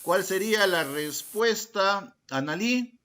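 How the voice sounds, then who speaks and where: This secondary school language teacher is a man with a high-pitched, pushed, bright voice and lively intonation, and he takes his time. Calling students by name, he repeats their responses and voices rhetorical questions as though he were them.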